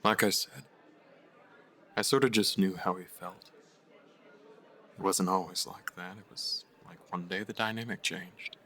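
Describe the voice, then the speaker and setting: A guilty young man in an audio drama; low, bright voice, soft and halting, drops to near-whispers. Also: fairly even intonation, heavily acted. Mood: wistful. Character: guilt-ridden young man, former friend. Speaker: [name].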